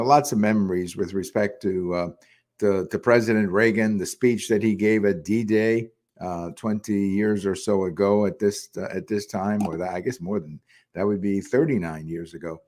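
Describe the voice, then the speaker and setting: An older man with a fairly low voice delivers a solo commentary on current events. He talks in a loose, conversational way, often pausing on "uh" and restarting his sentences. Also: a little mellow. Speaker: podcast host.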